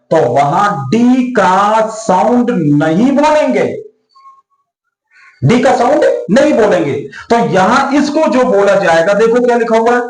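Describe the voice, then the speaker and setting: A male English teacher with a Hindi accent, explaining pronunciation rules in a repetitive, questioning classroom style. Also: high voice. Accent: Indian, Hindi-speaking. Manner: repetitive, questioning, addresses students as beta. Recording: echoey room.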